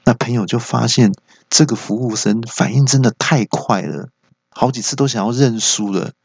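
A man's voice: mid-range voice, normal speed, slightly rough, no echo. A man hosting a podcast, telling jokes as an easygoing comic story. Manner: easygoing joke-telling narration. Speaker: podcast host.

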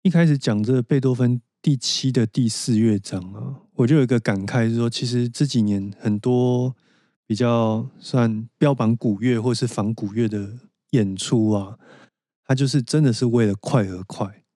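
Brief: male podcast co-host, average pitch, easygoing anecdote-teller, dry studio sound. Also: fairly even intonation, moderate pace, dark tone, no room sound. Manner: conversational, tells anecdotes with opinions. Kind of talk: casual chat on classical music.

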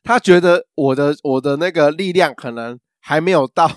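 A man's voice: on the high side, moderate pace, no echo, clean studio sound. A man, co-hosting a casual podcast chat and telling a rambling story full of fillers and restarts. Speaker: podcast co-host.

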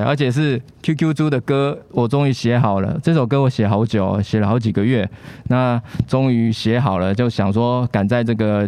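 A man's voice: mid-range voice, dry recording. A man hosts a live children's podcast at an outdoor street event, cheerfully coaxing the children with questions. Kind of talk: live podcast chat with a young audience. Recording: live show with loud band music.

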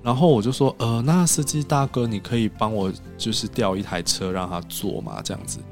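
A man with a fairly low voice tells anecdotes in a recording studio, acting out what other people said. He talks fast in an animated way. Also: faint music behind. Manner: animated, acts out quoted dialogue. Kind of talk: casual podcast storytelling.

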